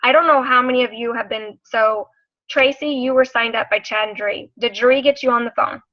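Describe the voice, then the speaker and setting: A woman leading a team video call, talking in an upbeat, enthusiastic way and quick to praise. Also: fairly high pitch, no echo, muffled recording. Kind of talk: casual team meeting talk.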